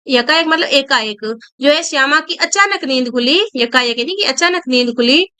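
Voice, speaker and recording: A woman's voice: sits high, animated, normal speed, sharp tone. A woman reading a story aloud to students and explaining each line in simple words. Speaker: Hindi teacher.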